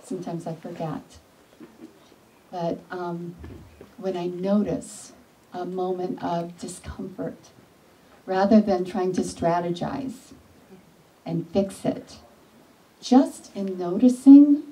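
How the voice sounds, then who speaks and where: A woman giving an earnest, informal speech to a small gathering, with pauses and restarts. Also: fairly low pitch, mellow, recorded from a distance, rough recording. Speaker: event attendee giving a speech.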